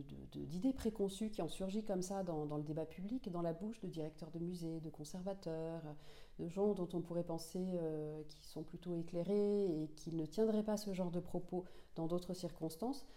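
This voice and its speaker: A woman in her forties, raised in Finland and Senegal, answering interview questions thoughtfully with frequent pauses and restarts. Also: on the low side, dark tone. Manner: thoughtful, many hesitations and restarts. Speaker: author being interviewed.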